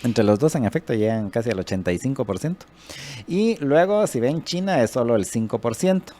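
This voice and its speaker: A man's voice: medium pitch, a little fast. Man explaining news data casually. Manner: relaxed explaining with fillers. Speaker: co-host. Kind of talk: conversational news commentary.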